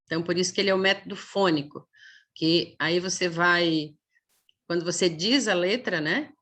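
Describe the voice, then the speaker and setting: Brazilian woman teacher, bright voice, explanatory lecture tone, drawn-out demo sounds. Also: lowish voice. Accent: Brazilian Portuguese. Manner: explanatory, many "né?" tags, stretches sounds slowly to demonstrate. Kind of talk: online lecture.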